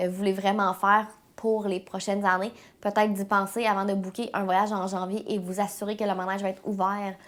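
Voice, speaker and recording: A woman with a Quebec French accent hosting a casual news vlog, sounding nasal and stuffed up with a head cold, speaking informally and hesitantly. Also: medium pitch. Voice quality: nasal, congested. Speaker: host of a weekly theme park news vlog. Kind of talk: casual news update to viewers.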